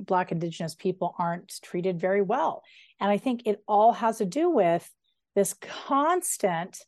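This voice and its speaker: Give me an animated middle-aged woman author in an interview, recorded dry. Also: mid-range voice, no room sound. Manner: animated, digressive, with quick asides. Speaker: novelist guest. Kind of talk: casual interview talk.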